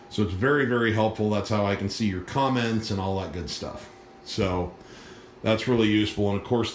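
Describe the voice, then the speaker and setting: A piano teacher and live streamer gives a casual, rambling tour of his small home studio, with its piano and computer, in a voice on the low side. He restarts and uses fillers while walking around holding a phone camera, so the sound is echoey with slight background noise.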